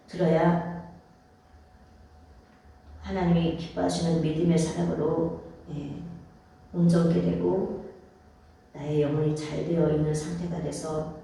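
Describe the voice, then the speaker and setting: 울림 큰 예배당의 온화한 여성 설교자. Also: female voice, low voice, flat delivery, measured pace, vocal fry, pauses often, warm tone, recorded from a distance. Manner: repeats phrases and asks the congregation for amens; rhetorical questions to the listeners. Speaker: pastor. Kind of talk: sermon. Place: church sanctuary. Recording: very echoey church hall, voice from off-mic.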